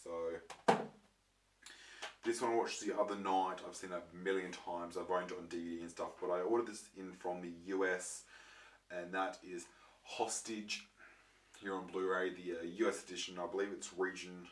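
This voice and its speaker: A young man whose throat infection makes him croaky rambles through a casual to-camera chat, showing viewers his disc collection with many ums and restarts. His low-pitched voice keeps a steady tone at a moderate pace. Faint noise and a far-off mic give the recording a roomy feel.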